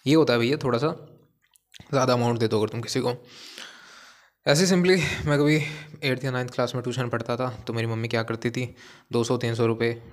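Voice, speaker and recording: A young man with a hoarse voice, a vlogger delivering a heated, preachy monologue straight to his viewers. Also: mid-range voice, steady tone, a little fast, pauses often. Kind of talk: ranting monologue to camera.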